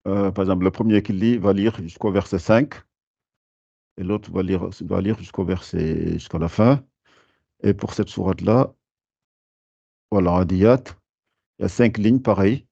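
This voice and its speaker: A tajwid teacher explains Quran recitation rules in a live class, patiently repeating rules and reminders while hesitating with many fillers and restarts. His low, mellow, gravelly voice moves at a measured pace with fairly even intonation and frequent pauses. The recording is lo-fi with no room sound.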